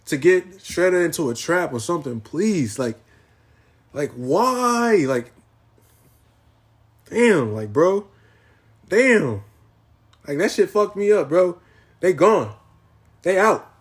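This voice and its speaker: Slightly high-voiced young man, animated podcast rant. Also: slow pace, pauses often. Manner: animated, profane slang, mock-dramatic grief. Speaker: podcast host. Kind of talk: casual solo podcast rant.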